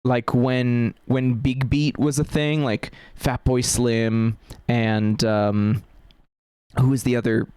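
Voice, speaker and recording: A man's voice: mid-range voice, level tone, takes it slowly, a little mellow, clean tone, no room sound. A man hosting a casual chat, rambling with lots of fillers and restarts. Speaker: podcast host.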